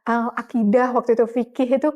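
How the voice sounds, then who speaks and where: A woman's voice: a little high, flat delivery, brisk, a little mellow, highs cut off. A middle-aged woman, telling her story as an interview guest in a casual, chatty way with frequent laughs and fillers.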